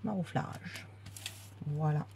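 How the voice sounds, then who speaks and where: A woman's voice: deep voice, slow, gravelly, noisy background. A woman chatting casually while unboxing a craft kit, with many fillers and restarts. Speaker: craft vlogger.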